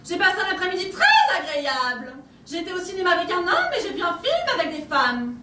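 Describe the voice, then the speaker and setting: A woman playing a cheeky young housemaid with a very high, lively voice, cheerful and plain-spoken. She is heard from across an echoey stage. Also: quick pace, distant mic, full character voice. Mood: chatty. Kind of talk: amateur stage acting. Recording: echoey stage from afar, faint noise.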